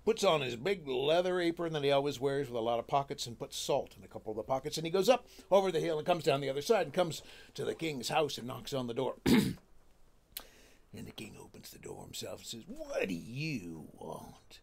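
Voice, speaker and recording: A man telling a folk tale in a folksy, drawling, animated way. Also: mid-range voice, fast talker, vocal fry. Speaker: storyteller.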